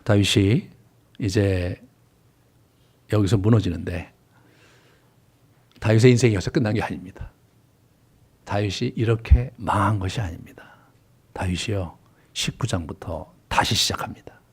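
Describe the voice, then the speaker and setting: A male pastor preaching a sermon, swinging from loud emphasis to hushed whispers. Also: lowish voice, measured pace, long pauses, breathy edge. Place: church sanctuary.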